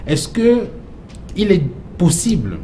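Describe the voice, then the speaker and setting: A man's voice: sits high, sing-song, slow, dark tone, slight background noise. Hesitant male debate moderator. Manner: long winding questions with hesitations. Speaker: TV debate host. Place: TV studio.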